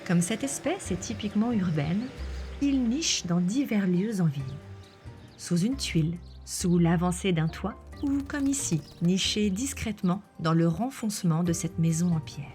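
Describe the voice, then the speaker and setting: A woman reading scripted nature documentary narration in a measured, explanatory way. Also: on the low side, expressive, a little mellow. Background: background music.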